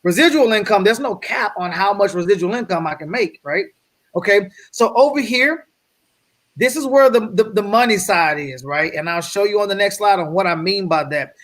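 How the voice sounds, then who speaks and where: Man, high voice, energetic slide presenter, frequent check-ins, video call audio. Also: moderate pace. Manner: energetic, checks in with "right?" often. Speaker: guest speaker on wealth building. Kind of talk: slide presentation to an online audience.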